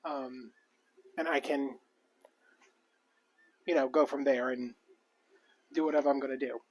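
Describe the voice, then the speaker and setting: A man's voice: medium pitch, fairly even intonation, unhurried. A man chatting casually and rambling with lots of fillers while crafting on a live stream. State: out of breath. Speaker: crafting vlogger.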